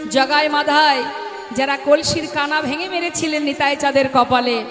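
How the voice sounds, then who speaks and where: A woman's voice: sits high, fairly even intonation, normal speed. A woman giving a devotional kirtan sermon, asking the gathered listeners questions and calling them mother. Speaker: kirtan preacher. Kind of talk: devotional sermon to a live audience. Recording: echoey hall with music.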